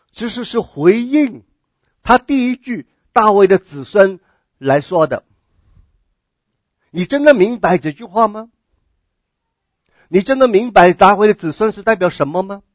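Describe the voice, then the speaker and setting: A man with a high voice preaches a sermon in earnest, often repeating himself and putting questions to his listeners. The sound is dull and dry, a lo-fi recording with no room around it. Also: no room sound.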